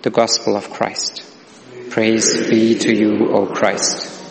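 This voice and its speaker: A man's voice: lowish voice, flat delivery, slow pace, noisy background. A man solemnly reading the gospel aloud during a church service, his voice carried by a cathedral echo. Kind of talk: liturgical scripture reading. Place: large church sanctuary. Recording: long church reverb, heard from a distance.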